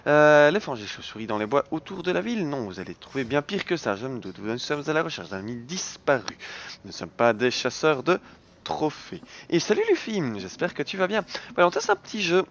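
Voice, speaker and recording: A man narrates his own playthrough in a relaxed, casual way, reading dialogue and item text straight off the screen. He breaks in with short, dry asides. The recording sounds slightly muffled and lo-fi, with a faint hiss behind his voice. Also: a little high, a little fast. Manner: reads game text aloud with dry quips. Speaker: let's play host. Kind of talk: casual gameplay commentary.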